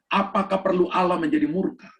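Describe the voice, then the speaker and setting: A male pastor delivers an emphatic sermon, telling personal stories and dropping in English phrases. His voice sits a little higher than most men's, and he talks as if over a video call. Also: fairly even intonation, fairly quick. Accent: Indonesian.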